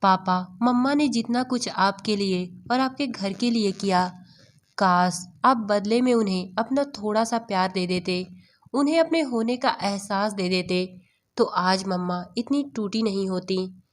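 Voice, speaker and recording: A sorrowful young son, read by a woman narrator, reproaches his father. His voice is subdued and hurt, at a plain middle pitch, in storybook style. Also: measured pace, close to an everyday voice. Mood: reproachful.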